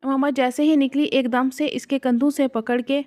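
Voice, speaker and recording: A woman narrates a romance story in a steady, scripted storytelling read. Her voice sits high, and she keeps a plain, even delivery throughout.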